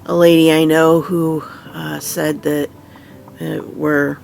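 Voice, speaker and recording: A tired woman with a stuffy nose, half awake and chatting casually in a rambling, halting way. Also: sits low, little pitch movement, creaky, a little mellow, a little hiss or hum. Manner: rambling, halting, many fillers and restarts. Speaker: vlogger. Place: in bed at home.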